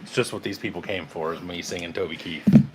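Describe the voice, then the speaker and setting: A man's voice: deep voice, fairly even intonation, a little fast, heavy background noise. A man bantering and joking in a garage while he works on a truck, cursing when parts won't fit. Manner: joking, cursing at his work. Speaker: guest co-host. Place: home garage. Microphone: host's phone on tripod.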